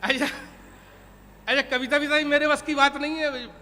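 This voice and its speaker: A man's voice: extremely high pitch, little pitch movement, normal speed, pushed and bright, a little hiss or hum. A man performing comic poetry on stage, chanting sing-song refrains and tossing joking asides to the audience. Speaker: comic poet. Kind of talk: comic verse recital on stage. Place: stage at a live poetry gathering. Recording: echoey hall sound.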